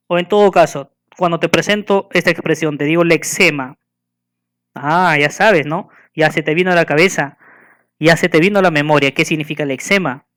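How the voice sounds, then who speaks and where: A man giving a school lesson, patiently asking the listener questions and slowly spelling and counting things out. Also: on the high side, a bit bright. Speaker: teacher.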